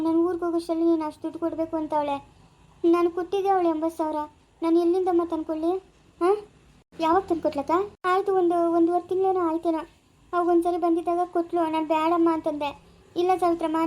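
A woman's voice: very high voice, dark tone. A woman playing a middle-aged village woman who pleads tearfully that she is innocent. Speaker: foster caretaker of Sneha. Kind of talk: amateur family drama.

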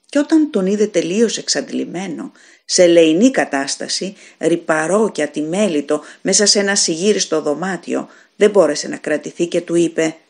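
A woman's voice: lowish voice, vocal fry. Woman reading a gothic tale aloud. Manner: measured, expressive storytelling. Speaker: audiobook narrator. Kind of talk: scripted narration of a gothic tale.

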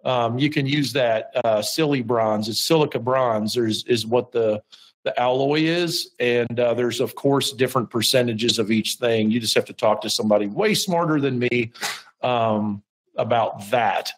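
A man's voice: mid-range voice, unhurried, low-quality recording. A middle-aged man hosting a podcast from his metal shop, explaining welding in a rambling, self-deprecating way with lots of ums and restarts. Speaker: podcast host. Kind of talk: casual how-to talk.

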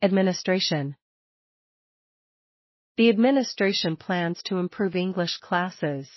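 A woman with a lowish voice reads vocabulary words and sample sentences from a script, slowly and with careful spacing. The recording is dry and a bit dull, with muted highs, little room sound and no echo.

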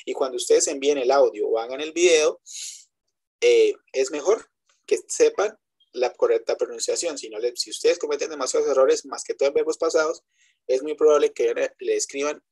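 Brisk and mid-range, with a slightly mellow, breathy quality, this man's voice leads a web-conference English lesson. He walks students through the material step by step in Spanish, drops into English for examples, and keeps asking whether everyone is following along.

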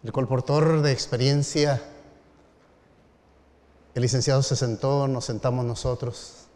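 A middle-aged man, a pastor telling a story in a sermon with measured phrasing and dramatic pauses. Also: mid-range voice, fairly even intonation, a little mellow. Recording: long reverb of a large hall.

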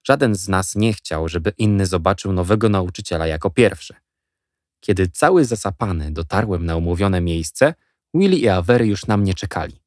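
Expressive male audiobook narrator, low voice. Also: no echo, clean studio sound. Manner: measured, expressive storytelling. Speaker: audiobook reader. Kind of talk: scripted narration. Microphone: studio mic, close.

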